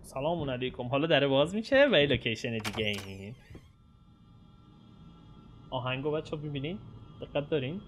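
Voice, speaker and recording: A young man hosting a horror game let's play, excitable and swearing as he talks to his viewers. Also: mid-range voice, long pauses, over music. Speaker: gaming channel host.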